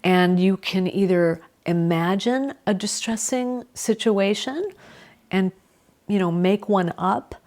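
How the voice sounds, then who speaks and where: A woman leading a calm grounding exercise, giving gentle, measured instructions as the guide. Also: medium pitch.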